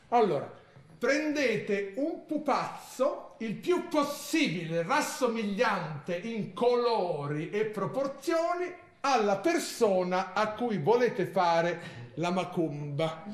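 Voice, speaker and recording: A man's voice: sits high, full character voice. An actor on stage playing a vain, fussy, melodramatic man, theatrical and prissy, prone to sudden outbursts. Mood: solemn. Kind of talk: live stage monologue. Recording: echoey theatre with audience laughter. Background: audience laughing.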